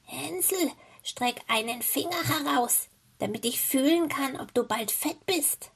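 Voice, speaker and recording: A woman voicing a cruel, impatient old witch in a storybook reading, with a shrill, scolding manner. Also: a little slow, gravelly. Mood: coaxing.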